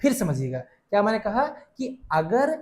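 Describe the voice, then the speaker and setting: A man teaching a physics lecture, who asks questions and answers them himself, calls his students by pet names and reads definitions out slowly for dictation. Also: high-pitched, sing-song. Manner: calls students beta and affectionate nicknames. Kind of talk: recorded classroom lecture.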